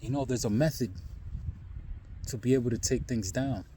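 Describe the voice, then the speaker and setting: A man vlogging outdoors on a snowy forest trail, cold and tired from the hike, talking in a calm, musing way with frequent "you know" asides into a handheld phone. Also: medium pitch, moderate pace, slight background noise. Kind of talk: reflective outdoor vlog talk.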